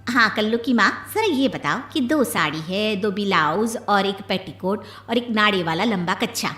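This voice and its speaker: A woman's voice: mid-range voice, lively intonation, normal speed, fairly bright tone, reverberant, soft background music, pitched below the performer's own voice, close to an everyday voice. A woman voicing a nosy, gossipy neighbour who needles and teases in a cartoon story. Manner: gossipy, teasing.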